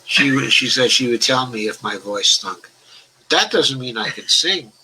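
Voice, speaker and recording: Reading out viewer comments and responding, the older host of a political discussion show keeps his live stream casual, chuckling and stuttering now and then. His mid-range voice is lively, pushed and bright, a little slow, on poor audio with slight background noise; he restarts sometimes and discusses his stutter.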